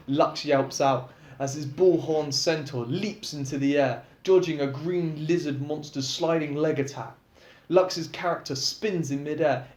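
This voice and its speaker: A young man reading his own book aloud, narrating in a casual, chatty way with asides to listeners. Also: on the high side. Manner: casual, chatty, laughs between chapters. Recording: echoey room.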